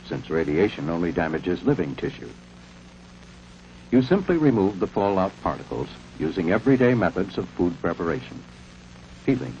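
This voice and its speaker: An American man narrating a scripted 1950s civil defense film in a measured, authoritative, instructional manner. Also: sits low, a little mellow. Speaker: documentary narrator. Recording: muffled, noisy vintage film soundtrack.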